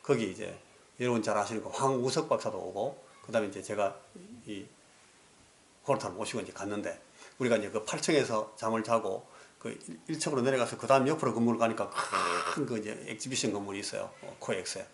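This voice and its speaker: A male pastor delivering a sermon earnestly, dropping to soft pleading and rising in stories. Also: lowish voice, brisk, gravelly, reverberant. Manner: earnest preaching that drops to soft pleading, then rises in anecdotes. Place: church sanctuary.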